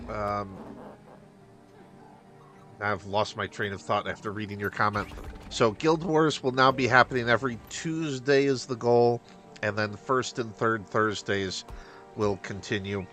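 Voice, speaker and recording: A young man hosting a casual gaming livestream, rambling and commenting on his own fast talking. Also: on the low side, steady tone, fairly bright tone, soft background music. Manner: rambling, self-aware about talking fast. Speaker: streamer host.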